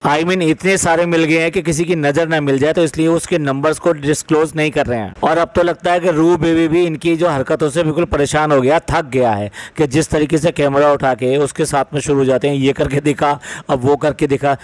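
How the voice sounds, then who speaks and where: A man's voice: fairly high pitch, fairly even intonation, a little fast, few pauses, dry recording. A man giving mocking, sarcastic commentary on a vlogging family's behaviour.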